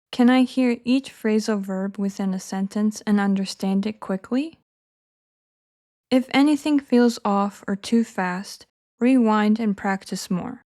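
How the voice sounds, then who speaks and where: A woman walks learners through an English lesson in a clear, measured voice. Her scripted delivery stays steady and encouraging, and her pitch sits in an ordinary middle range. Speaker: English teacher.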